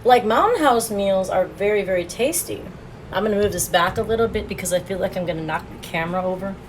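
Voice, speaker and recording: A woman's voice: mid-range voice, lively intonation, fast talker, slight background noise, rough recording. A woman streaming a casual food review, chatting with her viewers and laughing often as she eats, recorded on a phone. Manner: chatty, laughs often, talks while eating.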